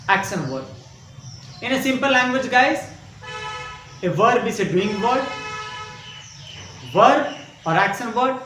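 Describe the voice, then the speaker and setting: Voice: mid-range voice, a bit bright, reverberant, a little hiss or hum, rough recording. An online teacher with an Indian English accent, giving a patient, repetitive grammar lesson for young children. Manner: repetitive, patient, explaining with questions.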